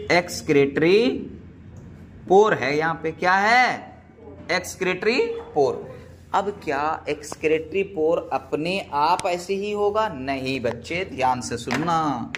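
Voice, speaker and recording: A man's voice: on the high side, slight background noise. A man teaching biology, quizzing his students with repeated questions and calling them "beta.". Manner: calls students "beta" affectionately. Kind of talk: classroom lecture.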